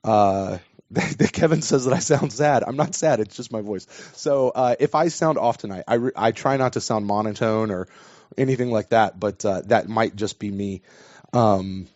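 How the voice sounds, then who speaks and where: Hosting a laid-back sports podcast, a man with a lowish, darkish voice speaks at a moderate pace, his voice going and sounding a little worn. He wanders in his talk and keeps restarting sentences, over dull, dry audio with no echo.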